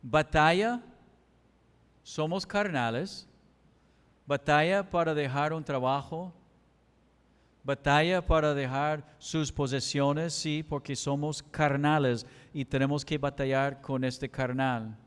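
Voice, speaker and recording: A man's voice: on the high side, slow, clean tone. A male pastor, preaching a sermon with emphatic, repetitive cadence. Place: church chapel. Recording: echoey church hall.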